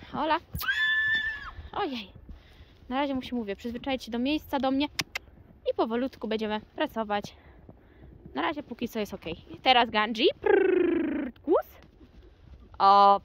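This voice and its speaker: A woman vlogging as she lunges a young horse in an outdoor ring, talking calmly to the camera and calling commands to the horse. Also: sits high, a little hiss or hum. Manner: coaxing, calls horse commands loudly. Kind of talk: casual talk while lunging a horse.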